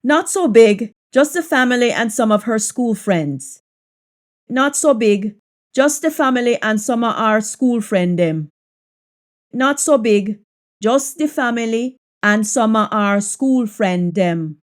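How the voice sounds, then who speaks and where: Female language teacher, Jamaican Patois, slightly high voice, very unhurried, repeats example sentences deliberately. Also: lively intonation. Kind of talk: Jamaican Patois lesson, practice sentences said in English then repeated in Patois.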